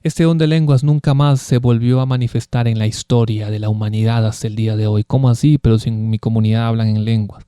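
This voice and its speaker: Male preacher, emphatic teaching style, keeps asking rhetorical questions, mellow tone. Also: mid-range voice, level tone, fairly quick, few pauses, clear, resonant tone, no room sound, studio quality. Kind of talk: Bible teaching sermon.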